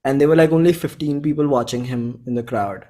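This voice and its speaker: In a relaxed interview chat, a Bhopal-born indie musician in his twenties speaks with an Indian accent, sounding enthusiastic, effusive and full of slang. His medium-pitched voice is brisk yet mellow.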